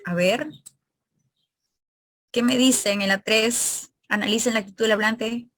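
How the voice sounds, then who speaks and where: A woman's voice: a little high, steady tone, a little slow, a bit bright. A woman teacher leading an online exam review class, asking her students questions and explaining grammar step by step.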